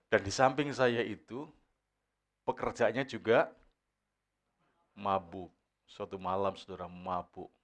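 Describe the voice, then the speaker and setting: A male pastor preaching a sermon to his congregation. He calls out to them and poses rhetorical questions, moving from quiet anecdotes to loud, high-pitched exhortation. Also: fairly even intonation, takes it slowly, pauses often. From Indonesia. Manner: addresses the congregation as "saudara", asks rhetorical questions. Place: church service.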